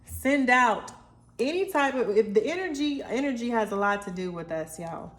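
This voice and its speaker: A woman doing a casual oracle card reading, animated and goofy, calling listeners honey and y'all. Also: a little high, moderate pace. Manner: animated, playful, calls viewers honey and y'all. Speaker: intuitive oracle card reader.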